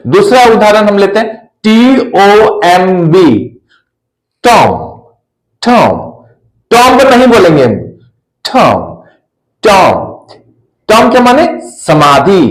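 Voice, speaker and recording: A man with a voice that sits high teaches English pronunciation, slowly repeating each word and spelling it out letter by letter. The recording is rough and reverberant.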